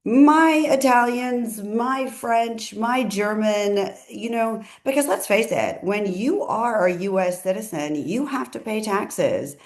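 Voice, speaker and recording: A woman's voice: a little high, animated, slow, hardly any pauses. A woman attorney giving casual legal commentary in a chatty way, often correcting herself and adding asides.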